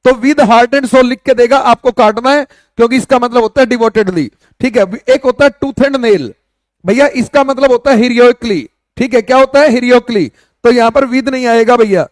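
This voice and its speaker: A young man teaching an exam-prep English class online, loud and emphatic, calling his students by friendly names. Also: very high voice, a little slow, no echo, clean studio sound. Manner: loud, emphatic, addresses students as beta and bhaiya.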